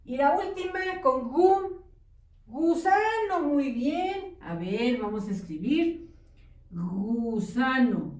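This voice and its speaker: A woman teacher giving a patient lesson to young children, dictating words slowly syllable by syllable and checking in with questions. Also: high-pitched, big pitch swings, darkish tone. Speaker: primary school teacher. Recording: echoey room, distant mic.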